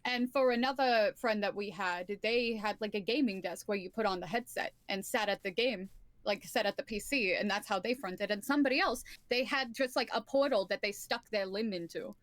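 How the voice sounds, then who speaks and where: A woman's voice: mid-range voice, fairly quick, fairly bright tone, no room sound. Talkative woman with a dry, close sound. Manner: talkative, explaining, casual swearing. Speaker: guest on a stream. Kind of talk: casual chat.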